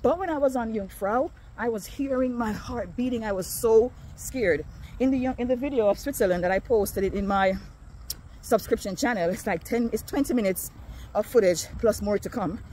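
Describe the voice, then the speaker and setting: A Jamaican woman vlogger walks along a neighborhood street, chatting casually to viewers on her phone and sounding slightly out of breath. Her voice is a little high and mellow, at a moderate pace, with a faint hiss or hum in the background.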